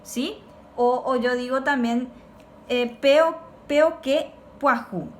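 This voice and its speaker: A woman teaching a recorded lesson, speaking slowly and clearly and repeating words for pupils to copy. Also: high-pitched, slight background noise. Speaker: Guaraní teacher.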